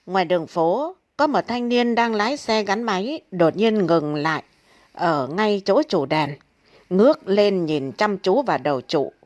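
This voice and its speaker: Expressive woman narrating comic tales. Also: mid-range voice. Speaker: storyteller. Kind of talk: reading comic stories aloud.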